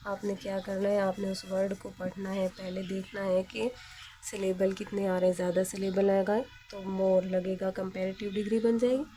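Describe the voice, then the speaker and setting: A woman's voice: medium pitch, level tone, moderate pace, mellow. A woman teacher explaining grammar step by step in a patient manner, often asking questions and then answering them herself.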